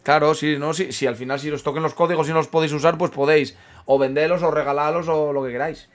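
This streamer talks quickly in a fairly high, steady voice while playing a football management game. Casual and chatty, he mutters under his breath, banters, and reads the chat out loud.

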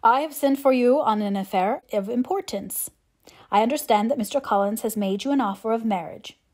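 A woman voicing a calm, ironic older father in an audiobook, with a deadpan, measured manner. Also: a little high, natural voice. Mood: dryly grave. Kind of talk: audiobook character acting.

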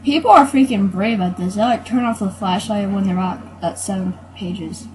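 A woman giving casual let's-play commentary on a horror game, excitable and yelling in fright when chased. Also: mid-range voice, normal speed, a little hiss or hum, low-quality recording. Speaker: gamer playing a horror game.

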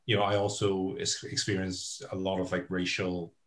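A young man who grew up in the United Kingdom, hosting a podcast over a video call from a home office, encouraging his guest and pausing often with "um". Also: low-pitched, monotone, a little hiss or hum. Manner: warm, encouraging, halting with "um". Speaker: podcast host. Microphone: video call webcam.

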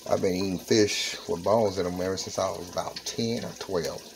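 A man's voice: low voice, fairly even intonation, moderate pace, gravelly, noisy background. A man, chatting playfully through a casual home cooking vlog in his kitchen. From Southern United States. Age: 40s. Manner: playful, repetitive exclamations. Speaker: home cook, channel host. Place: home kitchen with countertop fryer.

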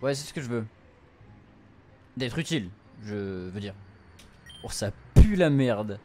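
A young man streaming a let's play translates dialogue on the fly and reads it in a casual, slang-heavy manner. His mid-range voice has lively intonation but runs a little slow. There is background noise, and video game music plays behind him.

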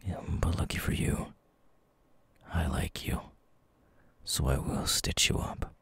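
A man playing a menacing, teasing eyeless night creature in an ASMR roleplay, whispering in a breathy, gravelly, slow and deliberate way. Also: lightly acted. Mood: mock-sympathetic.

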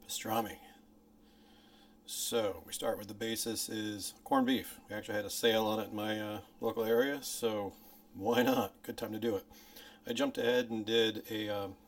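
Filming on a phone he holds in his own hand, this man hosts a home cooking channel and walks through every step of a casual tutorial in an easygoing, talkative manner. He starts in his kitchen, then moves out to a backyard smoker, where his voice grows louder and higher.

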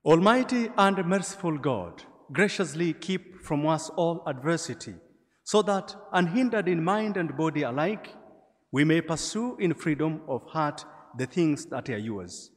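Priest with a long church echo. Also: male voice, a little high, animated. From Tanzania. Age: 40s. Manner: gentle, measured liturgical delivery with light humor. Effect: cathedral-like church echo. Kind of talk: celebrating Mass. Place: large church. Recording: long church hall reverb.

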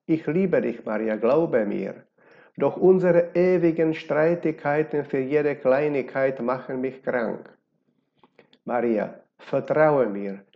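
A man's voice: a little high, vocal fry. A man voicing an older married, pregnant woman in a read-aloud novel, imploring and urgent. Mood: gentle. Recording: dull lo-fi recording.

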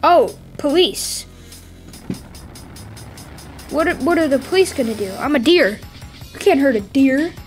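An excitable woman with a high voice, chattering and joking through a chaotic game and breaking into squeals whenever things turn bad. Quiet music plays in the background. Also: a little slow, long pauses. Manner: excitable, yelps and squeals when things go wrong. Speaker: gameplay streamer. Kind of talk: playful gameplay commentary.

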